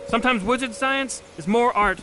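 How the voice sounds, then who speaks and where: A man's voice: very high voice, moderate pace, sharp tone, slight background noise. A man voicing a quirky, laid-back forest wizard in a cartoon who rambles offhandedly. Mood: rambling. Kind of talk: cartoon voice acting.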